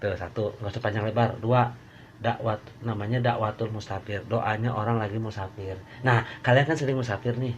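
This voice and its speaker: A man's voice: on the low side, fairly even intonation, moderate pace, muffled recording, a little hiss or hum. A man who is an Islamic preacher, giving an informal, joking sermon with frequent rhetorical asides to his listeners.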